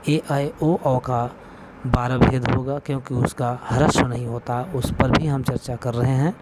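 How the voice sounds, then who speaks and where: A man's voice: medium pitch, fairly even intonation, a little slow. A man giving a spoken video lesson on Sanskrit, explaining patiently step by step and counting aloud. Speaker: Sanskrit teacher. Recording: clear background noise with clicks.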